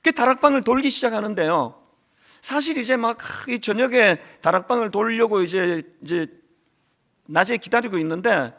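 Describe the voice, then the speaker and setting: A middle-aged man preaches with a high, lively voice that leaps up and down as he tells stories and acts out what people said. His tone is bright and forward, and a lingering cold sits in his voice. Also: normal speed. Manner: animated storytelling with acted quotes. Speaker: pastor. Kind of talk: sermon.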